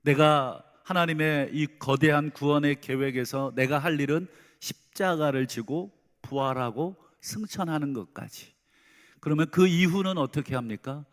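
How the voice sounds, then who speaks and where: Middle-aged male pastor, earnest sermon delivery, hushed pleas and emphatic swells, ringing church reverb. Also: a little high, moderate pace. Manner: earnest, swings between soft pleading and loud emphatic bursts. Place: church sanctuary.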